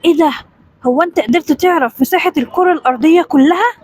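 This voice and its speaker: A woman's voice: high-pitched, fast, no echo. A woman voicing a curious, commanding male sultan with an Egyptian Arabic accent. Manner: stately, eager questions.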